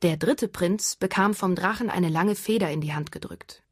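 A woman reading a fairy tale aloud in a calm, even storytelling manner. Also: on the low side, normal speed, breathy edge, no room sound, clean studio sound.

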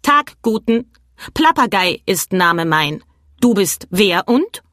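A woman voicing an indignant little green bird that speaks backwards, in a shrill, huffy manner. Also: very animated, takes it slowly, fairly bright tone, dry recording, clean studio sound. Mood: chirpy.

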